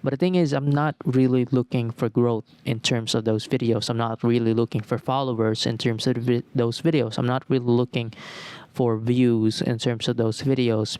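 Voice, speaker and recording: Young male podcaster, mid-pitched, thoughtful solo monologue with phrases stacked in lists. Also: darkish tone, clear, resonant tone. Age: 20s. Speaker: podcast host. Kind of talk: reflective solo talk.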